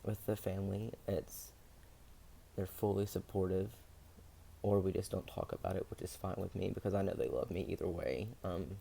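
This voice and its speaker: A young adult man speaking candidly in a personal video diary, hesitant, with many pauses and fillers. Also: low-pitched, steady tone, creaky, dark tone, a little hiss or hum. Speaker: vlogger.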